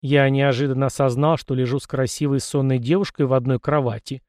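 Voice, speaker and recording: A man reading a first-person story aloud in an expressive, animated way. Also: mid-range voice, a little fast, dry recording, studio quality. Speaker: audiobook narrator. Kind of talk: first-person audiobook narration.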